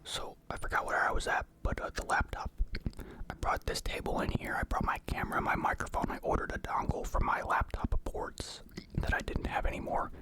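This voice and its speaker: A young man whispering in a casual, halting, rambling ASMR style, close to the microphone. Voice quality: whispered, unvoiced. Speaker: ASMR mukbang creator. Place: indoor room at home.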